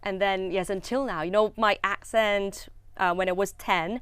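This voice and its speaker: A woman's voice: medium pitch, fairly even intonation, brisk, a bit bright, smooth, no room sound. A young woman from Thailand, a TV host and DJ chatting as an interview guest, laughing often and filling with ums. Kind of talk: casual interview in English.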